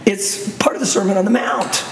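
Male radio co-host, gravelly and hoarse, slightly high-set voice, conversational religious talk, recorded roomy. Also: fairly quick. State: hoarse, recovering from laryngitis. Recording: roomy, echoey, distant, faint noise.

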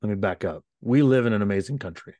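A man's voice: lowish voice, fast talker, warm tone, no room sound. A man hosting an interview, asking follow-up questions and reacting with short encouragements. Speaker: interview host. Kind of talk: casual interview.

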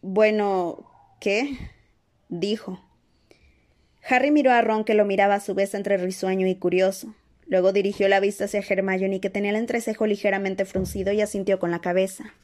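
A woman's voice: medium pitch, steady tone, brisk, a little mellow. Woman narrating an audiobook. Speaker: audiobook reader.

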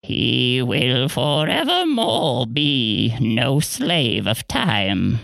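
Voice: medium pitch, big pitch swings, drawn-out words, gravelly, fairly bright tone, no echo, full character voice. A performer playing Rumpelstiltskin, an ancient male imp who speaks grandly, with archaic words and a sing-song delivery. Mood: incantatory. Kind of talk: in-character interview.

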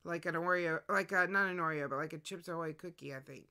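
A woman's voice: lowish voice, fast talker, sharp tone. A woman with an American accent co-hosting a live show in casual, conversational chat.

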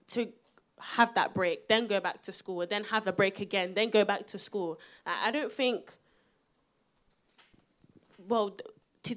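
A woman's voice: medium pitch, a bit bright. A young woman of seventeen with a South London accent, chatting casually and slangily as a youth podcast co-host. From South London, England. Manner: informal, slangy, frequent "like". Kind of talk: casual live panel chat.

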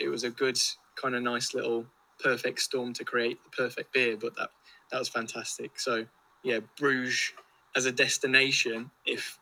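A man's voice: mid-range voice, pushed and bright, poor audio. A man with an English accent chatting casually and telling rambling anecdotes with British slang.

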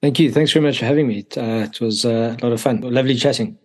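A man as a podcast guest, chatting casually in an agreeable, halting way. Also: mid-range voice. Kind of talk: casual discussion.

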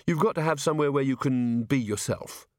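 A man's voice: mid-range voice, a little fast, a little mellow, dry recording, close to an everyday voice. A man voicing a frank, dry-witted young policewoman in a lightly raised, matter-of-fact voice. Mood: wry, frank.

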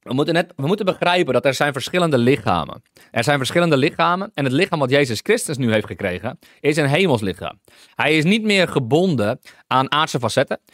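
Here a man's fairly high, animated voice moves a little fast with a bit of brightness as he teaches from the Bible. Eager and enthusiastic, he shouts hallelujah often and restarts many sentences while reading and explaining scripture, captured in clean studio sound without echo.

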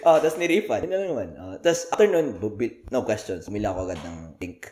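A man's voice: on the low side, a little fast. A man with a Filipino accent, hosting a podcast and telling stories in casual banter, laughing often. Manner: animated storytelling, laughs often. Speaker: podcast host.

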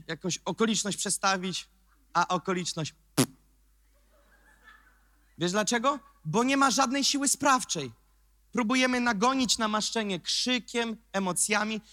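A male pastor giving an emphatic sermon, dropping to quiet asides and rising to loud, repeated questions. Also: high-pitched, no echo, clean studio sound. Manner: mocking put-on voices of churchgoers.

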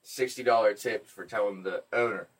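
A man hosting a podcast, telling stories in a casual, profane, animated way. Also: on the low side, normal speed, distant mic, slight background noise. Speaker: podcast host.

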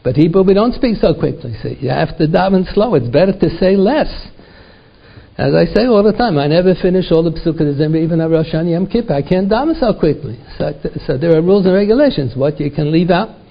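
Lecturing on the Torah at a synagogue, an older American rabbi talks fast and animatedly in a gravelly, husky voice that runs a little high. He repeats himself, poses rhetorical questions, and sprinkles in Hebrew and Yiddish words, all on a dull lo-fi recording.

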